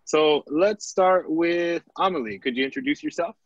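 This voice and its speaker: A man's voice: on the high side, normal speed, dry recording. A man from the United States moderating a casual online panel discussion and steering the conversation. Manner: friendly, steering the talk. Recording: dry, dull online call audio.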